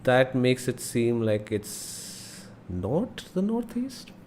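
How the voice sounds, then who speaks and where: A young man with an Indian accent streams a game in a casual, exclamatory way. His voice sits at an average male pitch as he thinks aloud, and some noise runs behind him. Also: huge pitch swings, takes it slowly, darkish tone. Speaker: live streamer playing a geography guessing game. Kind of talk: casual live stream commentary. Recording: noticeable background noise.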